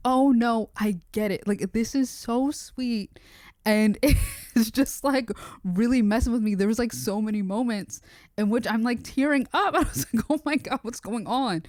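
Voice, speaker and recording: A young woman vlogging casually about books, chatty and slangy, with many fillers and lively retellings of her own reactions. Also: lowish voice, dry recording, studio quality. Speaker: book vlogger. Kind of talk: casual chat.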